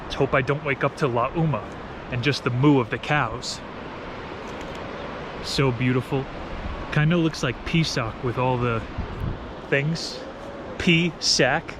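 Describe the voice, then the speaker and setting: Over a noisy background, a medium-pitched man from New Jersey in the United States talks slowly with long pauses. He's an American-accented travel vlogger out camping, telling stories in a loose, slangy, playful vlog chat.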